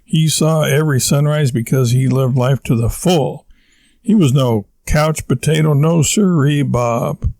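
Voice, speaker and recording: A man voicing a pompous, excitable middle-aged husband who declaims grandly in a dry, close sound. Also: on the high side, unhurried, vocal fry, no room sound. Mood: indignant. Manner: indignant, declaiming, self-important.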